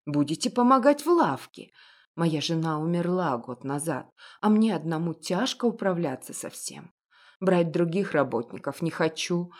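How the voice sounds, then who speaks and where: A kindly old male confectioner, grumbling yet gentle, as a woman reader puts him on. The voice is pushed low, gruff and slow, coaxing and reassuring. An audiobook reading.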